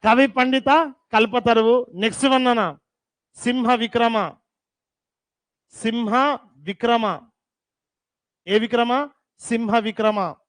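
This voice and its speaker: A man teaching a class, dictating terms slowly and repeating them, with teasing scolds, in a classroom. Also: very high-pitched, steady tone, a bit bright, no room sound.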